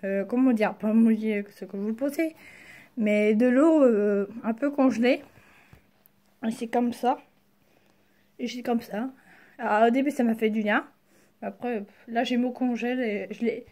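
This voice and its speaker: A young woman chats casually in a vlog, halting and slangy, speaking carefully with a sore mouth after wisdom teeth removal. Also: on the high side, dark tone. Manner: halting, slangy, searching for words. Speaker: vlogger. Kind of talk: casual personal storytelling to camera.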